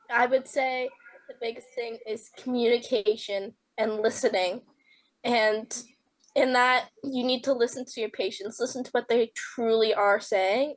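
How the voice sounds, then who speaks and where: A woman patient on a panel with a scratchy, hoarse voice, speaking frankly and pleadingly. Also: fairly high pitch. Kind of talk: panel remarks.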